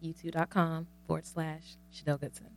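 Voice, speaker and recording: Earnest lower-voiced woman guest. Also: level tone, normal speed, dry recording. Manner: earnest, explanatory. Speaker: guest blogger. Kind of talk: interview answers.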